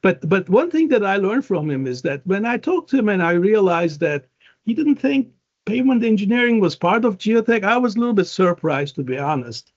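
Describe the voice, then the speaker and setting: This Turkish man in his fifties, a professor, talks as a guest in a casual interview, rambling with lots of fillers and restarts. His voice is high-pitched with big swings and a brisk pace, and the highs are cut off.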